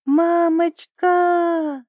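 Pik, a woman doing a high eager penguin chick. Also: animated, unhurried, dark tone, no room sound, studio quality. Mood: frightened. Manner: high, eager childlike calls. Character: small curious male penguin chick.

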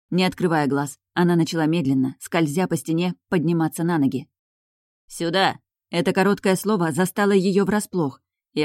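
A woman reading an audiobook in a calm, measured narrating voice. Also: on the low side, no room sound, clean studio sound. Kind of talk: scripted narration.

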